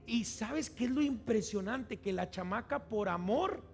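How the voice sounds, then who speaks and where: A pastor preaching a sermon, acting out quoted voices with animated delivery. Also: male voice, high voice, unhurried.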